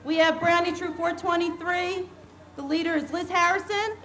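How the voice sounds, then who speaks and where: A woman troop leader, out of breath, briskly reading out troop names at an outdoor parade in the rain. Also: very high voice, steady tone. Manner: brisk list-reading, shouting at times. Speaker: Girl Scout troop leader. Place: outdoors at a rainy town parade. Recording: noisy outdoor recording with crowd.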